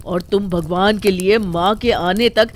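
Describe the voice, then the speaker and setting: A woman's voice: medium pitch, measured pace, lightly acted. A woman voicing an irritable young husband who keeps losing his temper in a cartoon story. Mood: annoyed. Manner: exasperated outbursts. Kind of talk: cartoon voice acting.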